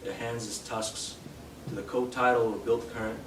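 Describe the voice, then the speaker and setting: A young man from Canada giving a live poetry reading in a bookshop, hesitant with fillers between poems and steady in his verse. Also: medium pitch, normal speed. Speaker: poet. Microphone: distant from the mic. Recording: roomy, distant, noisy live room sound.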